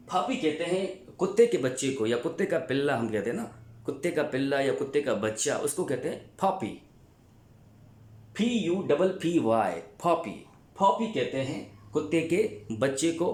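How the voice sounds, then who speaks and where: A man's voice: fairly high pitch, big pitch swings, a little slow. A male teacher from Pakistan giving a vocabulary lesson, repeating each word and spelling it out letter by letter. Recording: echoey room.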